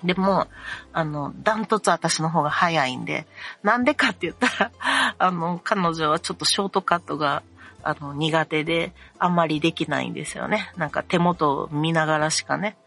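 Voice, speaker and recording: A woman's voice: low voice, normal speed, creaky, fairly bright tone, soft background music. A young woman with a Kansai accent hosting a casual solo talk show, chatty and wry, with lots of fillers as she complains. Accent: Kansai Japanese. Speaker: podcast host.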